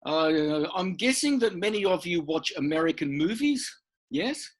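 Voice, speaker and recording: A man's voice: sits high, expressive, unhurried. A man teaching an online workshop, patiently explaining and repeating words for emphasis, heard over a video call. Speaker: English teacher.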